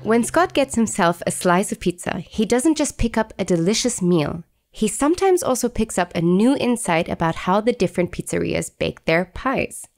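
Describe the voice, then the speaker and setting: A woman hosts a podcast in a casual, playful way. Her voice sits at a mid pitch. Faint music runs under the talk. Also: expressive, moderate pace, hardly any pauses, darkish tone. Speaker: podcast host.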